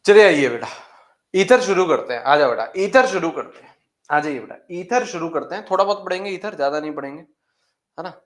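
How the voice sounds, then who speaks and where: A male teacher in a live class, joking with students and repeating key terms slowly. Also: fairly high pitch, animated, reverberant. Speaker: chemistry teacher.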